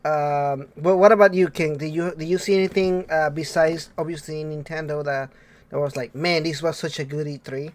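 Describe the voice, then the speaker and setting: A man hosting a casual gaming podcast, excitable and rambling, laughing often. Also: a little high, moderate pace, a little hiss or hum. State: under the weather. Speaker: podcast host.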